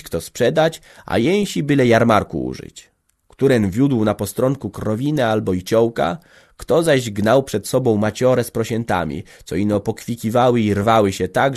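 A man narrating a classic novel as an audiobook in a measured, even storytelling manner. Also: on the low side.

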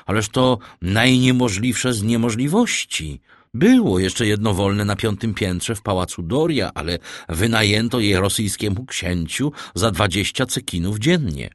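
A man's voice: on the low side, lively intonation, measured pace, dry recording, clean studio sound. A man reading an audiobook, voicing a fawning, wily middle-aged innkeeper who speaks emphatically and obsequiously. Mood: emphatic.

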